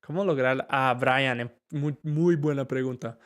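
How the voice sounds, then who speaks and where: A man teaching English in a relaxed live-stream Q&A, chatting casually, reading viewer questions aloud and mixing Spanish with English. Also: mid-range voice, measured pace, smooth.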